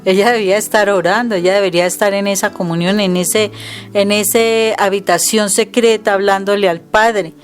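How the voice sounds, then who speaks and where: A woman's voice: mid-range voice, fairly even intonation, normal speed, soft background music. Earnest woman explaining prayer. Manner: earnest and explanatory, often quoting scripture. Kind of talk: conversational teaching.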